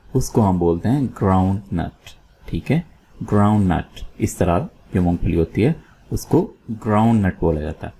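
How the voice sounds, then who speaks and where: Man, English vocabulary teacher, slow drilling repetition, low mellow voice. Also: a little hiss or hum. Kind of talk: vocabulary lesson in Urdu.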